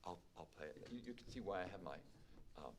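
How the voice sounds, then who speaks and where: A man's voice: sits low, lively intonation, quick pace, slight background noise. A man teaching a piano masterclass, chatty and full of questions for his students, with piano playing between remarks. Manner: chatty, asks the class questions.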